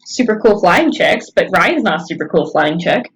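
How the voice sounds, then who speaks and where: A woman's voice: fairly low pitch, big pitch swings, normal speed, slightly rough, poor audio. A young woman running a tabletop game as game master, narrating in a casual, joking way.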